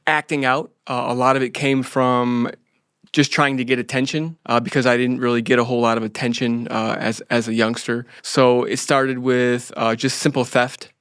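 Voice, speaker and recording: Clear-voiced American man, close dry sound. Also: medium pitch, level tone, a bit bright, dry recording. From United States, grew up in Florida. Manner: halting, repeats phrases. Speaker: interview guest. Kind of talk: casual autobiographical storytelling.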